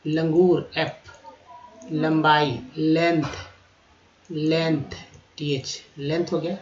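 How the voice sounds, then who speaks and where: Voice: mid-range voice, little pitch movement, extremely slow. A teacher going through a vocabulary list, repeating each word and spelling out its letters. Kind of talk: vocabulary lesson. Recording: roomy echo, slightly dull lo-fi sound.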